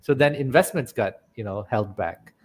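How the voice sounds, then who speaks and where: A man appears as a guest on a podcast, reflectively explaining his experience in a conversational interview and often checking in with "right?". His voice is medium in pitch, husky and darkish, at a moderate pace.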